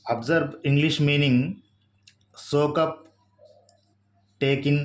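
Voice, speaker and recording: A man's voice: fairly high pitch, steady tone. A man with a Telugu accent teaching English vocabulary, reading out each word, spelling it letter by letter and giving its meanings. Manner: spells words out letter by letter, slowly. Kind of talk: slow vocabulary lesson.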